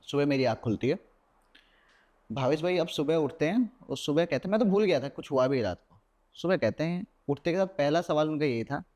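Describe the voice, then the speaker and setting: A young adult man, a podcast guest, telling a personal horror story in a lively way and mixing English words into his Hindi. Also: a little high, a little fast.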